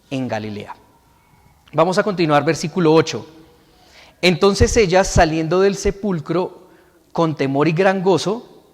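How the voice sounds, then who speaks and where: Guy preaching a sermon, slightly high voice, reads scripture then explains it, long echo off the church hall. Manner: reads scripture aloud and explains it, asking "¿sí?" to the congregation. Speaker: pastor.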